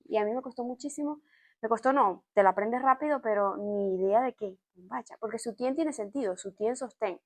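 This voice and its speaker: A woman from Venezuela with a Venezuelan accent, chatting to camera in an expressive, explaining way, with laughs. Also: fairly high pitch, fairly quick. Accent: Venezuelan Spanish. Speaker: vlogger. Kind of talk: casual storytime chat to camera.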